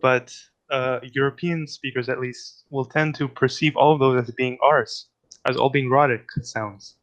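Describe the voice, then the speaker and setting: A man's voice: mid-range voice, fairly even intonation, measured pace. Guy rambling through a linguistics explanation, stops and corrects himself a lot. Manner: thinks aloud, self-correcting. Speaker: linguistics presenter. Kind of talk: casual explanatory talk.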